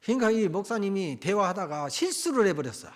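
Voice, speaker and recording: A male pastor preaches in a church, telling a story with a fairly high voice. He swings from loud, pressing lines to hushed asides as he builds the story. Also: sing-song, brisk. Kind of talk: storytelling sermon.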